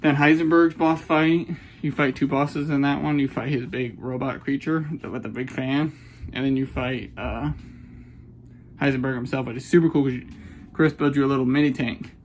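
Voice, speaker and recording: This man, in his twenties, reviews a game in a loose, profane, self-conscious ramble, apologizing when he loses his thread. His voice is medium-pitched, with slight background noise.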